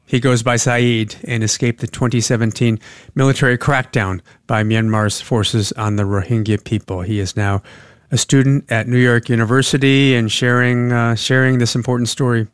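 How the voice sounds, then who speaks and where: A man hosting a news interview who asks measured, probing questions. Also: medium pitch, fairly even intonation, clean tone, no echo. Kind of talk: broadcast interview. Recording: dry studio sound.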